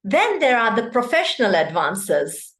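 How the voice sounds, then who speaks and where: A Kenyan woman, speaking as a club speaker, delivers a prepared speech at an online meeting over video call and frequently asks her audience questions. Her voice is on the high side, sing-song and a bit bright, at a moderate pace, in an echoey room.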